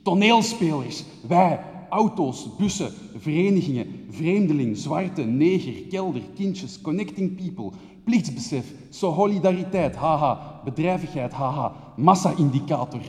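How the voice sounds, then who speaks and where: A man performs a poetic spoken-word monologue from a theater stage. He pours out long, rhythmic lists of words with intensity. His fairly high voice rings out with the long reverb of a big hall. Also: lively intonation, unhurried, a little mellow. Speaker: theater maker giving a speech.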